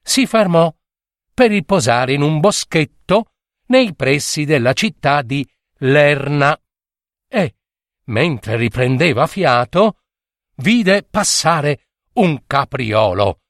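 A man telling a myth in a theatrical, lively way, with sudden high cries and comic asides. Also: slow, dry recording, studio quality. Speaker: storyteller. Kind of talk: dramatic storytelling of a myth.

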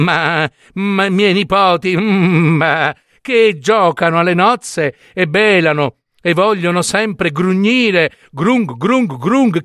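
A man's voice: sits high, fairly bright tone, no room sound, clean studio sound, exaggerated voice. A man voicing a fussy, chattering widow who dotes on her little dog, rambling and stammering.

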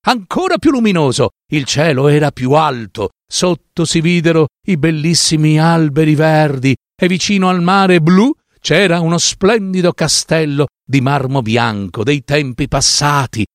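A man reading a fairy tale aloud with a slow, sing-song, dramatic delivery on a close mic. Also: a little high, no echo. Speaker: storyteller.

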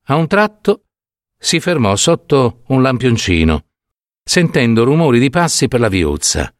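A male narrator reads a classic short story with theatrical expression, his mid-pitched voice rising and falling widely. The sound is dry and close, with no room around it. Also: very animated, unhurried, no echo.

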